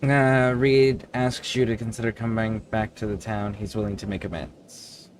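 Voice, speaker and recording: A man livestreaming a video game, thinking aloud and reading choices in a deliberate, explanatory way. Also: lowish voice, level tone, slight background noise. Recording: game music behind the voice.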